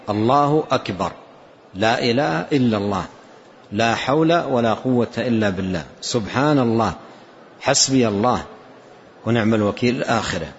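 An older man with a Saudi accent giving an Islamic religious lesson, explaining a text and often repeating his key phrases for emphasis. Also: mid-range voice. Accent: Saudi Arabian. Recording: dull lo-fi lecture recording.

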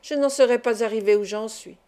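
A ruined banker speaks in a tense, anxious way, as a woman reads him aloud. The voice is fairly high but soft and mellow. It is a storybook reading. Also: fairly quick, clean tone, lightly acted. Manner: tense, despairing. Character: anxious ruined male banker, middle-aged.

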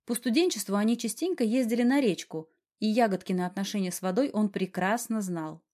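A woman narrating a novel in an even storytelling manner. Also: medium pitch, fairly quick. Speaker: audiobook narrator. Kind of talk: scripted narration.

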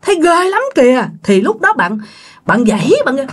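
Woman host, chatty storyteller, very animated pitch, speaks to listeners. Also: brisk, husky. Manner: chatty, addresses listeners directly. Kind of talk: casual ghost-story narration.

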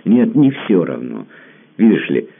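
A man with a very deep, gravelly voice playing an infatuated, jealous gentleman who pleads earnestly, heard through a tinny phone-like line. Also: very animated, a little slow, full character voice. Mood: pleading.

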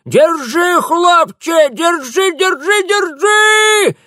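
A male narrator voicing a fierce, toothless old village woman who yells orders in a mix of Ukrainian and Russian. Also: wildly swooping pitch, slow pace, no echo, studio quality, full character voice. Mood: shrill commanding. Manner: shrill yelling in mixed Ukrainian-Russian speech.

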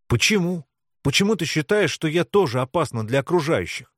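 Man playing a pushy teen girl, blunt probing questions, bouncy pitch, no room sound. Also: animated, fairly bright tone, no echo, studio quality. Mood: insistent. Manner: probing and blunt, at times slow and deliberate. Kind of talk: audiobook character voice.

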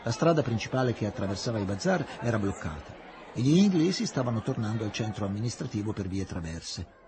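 A man reading a novel aloud in a varied, expressive way. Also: fairly low pitch, a little fast, some chatter behind. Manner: expressive, shifting dramatic reading. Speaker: reader.

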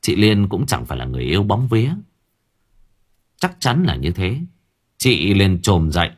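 A man with a husky, fairly low voice narrates a story. His pitch rises and falls in an animated storytelling manner. Faint music plays underneath. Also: moderate pace. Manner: expressive, lively storytelling. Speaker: audiobook narrator.

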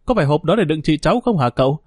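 A small, innocent village boy , voiced by a man, chirps in a raised, childlike pitch. He sounds pleading and playful, and the recording is dry and close. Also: expressive, rapid-fire, darkish tone, husky, no echo. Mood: curious.

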